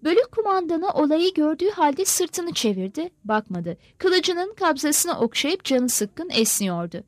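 A woman reading a novel aloud as an audiobook narrator, with expressive delivery. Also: high voice, a little slow, no echo. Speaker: audiobook reader.

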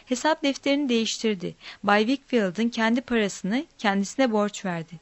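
A woman's voice: a little high, moderate pace, no room sound. Dry, close woman narrator. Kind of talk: storybook reading.

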